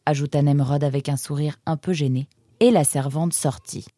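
Une femme qui lit un conte en livre audio, avec un récit vivant et un brin ironique. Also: female voice, low-pitched, steady tone, normal speed, dark tone, dry recording. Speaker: narrator. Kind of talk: scripted audiobook narration.

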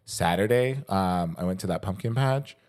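A young man with a somewhat low voice chats on a podcast, loose and rambling. He swears offhandedly and keeps calling his co-host "dude", sounding tired but talkative. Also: lively intonation, moderate pace, a little mellow, smooth. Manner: rambling, swears casually, says "dude" a lot. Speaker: fitness coach. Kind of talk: casual chat.

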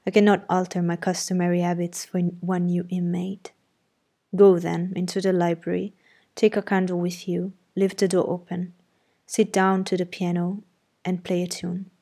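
A woman reading a curt, commanding gentleman. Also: fairly low pitch, completely flat delivery, normal speed. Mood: brusque, commanding. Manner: curt, imperious, sardonic questioning. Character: brusque commanding gentleman, middle-aged master of the house. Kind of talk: audiobook character reading.

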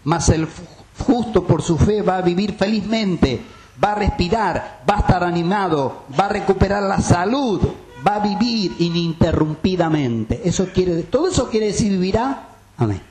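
Emphatic preacher, fairly high voice. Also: male voice, lively intonation, moderate pace, a little mellow. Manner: emphatic, addresses listeners with rhetorical questions. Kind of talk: sermon.

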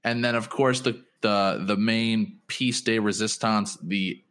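A man's voice: on the low side, fairly even intonation, slow, fairly bright tone. A man co-hosting a sports podcast, talking casually and rambling through news with frequent restarts. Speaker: podcast co-host.

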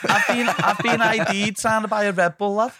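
A man's voice: high-pitched, steady tone, normal speed, bright, forceful tone, no room sound, studio quality. A young man, chatting casually and bantering as a podcast co-host. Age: 20s. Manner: laddish banter, says "lad" a lot. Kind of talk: casual chat.

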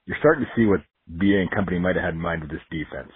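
Husky man on a phone voicemail. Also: sits low, racing, no room sound, phone-quality sound. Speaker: caller. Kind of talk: voicemail sports take.

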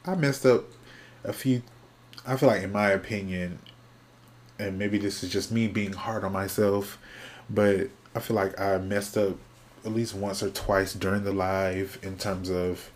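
A man hosting his own podcast alone, chatting casually and sassily from topic to topic, sounding sleepy and yawning, often trailing off into quiet mumbles. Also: sits low, fairly even intonation, a little slow. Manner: chatty, sassy, drifting between topics. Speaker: podcast host. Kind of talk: casual solo podcast chat.

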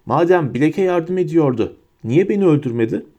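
A man's voice: fairly high pitch, lively intonation, moderate pace, warm tone, highs cut off, pitched above the performer's own voice. A man voicing a defiant teenage boy wizard in an audiobook, speaking sharply. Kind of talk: audiobook character voice.

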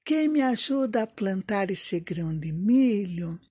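A woman voicing a gentle patient hen. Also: mid-range voice, animated, measured pace, breathy edge, no room sound, clean studio sound. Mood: asking. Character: gentle, patient hen who works alone.

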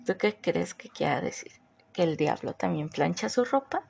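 A Mexican woman hosts a chatty podcast, tossing questions to her listeners in a casual monologue. Her Mexican Spanish accent blends Mexico City, Morelos and northern influences. Her voice sits on the low side, animated and husky with vocal fry and a darkish tone, at a moderate pace.

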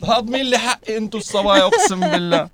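A man's voice: high voice, rapid-fire, crowd noise. A man with a Levantine Arabic accent co-hosting a radio show with joking, teasing, casual banter.

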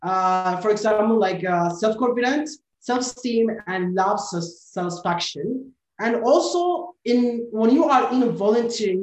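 A young man from Somalia, a student volunteer, joins a casual podcast discussion, talking hesitantly with lots of fillers and restarts. His voice is high-pitched, and the roomy, echoey recording has a little hiss or hum.

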